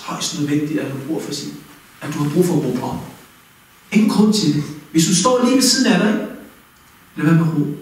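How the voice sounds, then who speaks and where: A man teaches in a mosque in a lively, direct manner and puts questions to his listeners. His voice sits fairly high. The recording is very echoey and picked up from far off in the hall. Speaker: Islamic teacher. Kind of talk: mosque talk.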